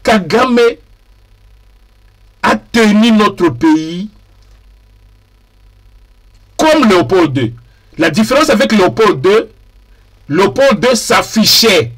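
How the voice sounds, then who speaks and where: A man speaking in a deliberate, emphatic way and repeating key phrases for weight, as a TV political commentator. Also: high voice, lively intonation, fairly bright tone. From DR Congo.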